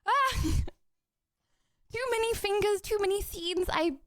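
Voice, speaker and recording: A woman livestreamer chatting excitedly and thanking viewers, exclamatory and often repeating her words. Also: very high-pitched, slow, dry recording, clean studio sound. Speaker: live streamer.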